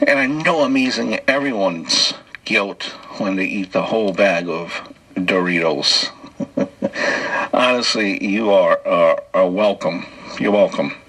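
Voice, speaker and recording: A man's voice: low-pitched, takes it slowly, pauses often, sharp tone, slightly rough, low-quality recording. A man hosting his own podcast and telling wry, off-the-cuff jokes alone, chuckling between the bits. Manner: loose and off-the-cuff, with restarts. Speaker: podcast host. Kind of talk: solo comedic podcast monologue.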